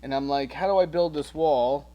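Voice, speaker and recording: A man's voice: on the high side, moderate pace, dull audio. A man co-hosting a casual show, teasing his partner dryly while building a toy set. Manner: dry teasing, playful. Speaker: co-host.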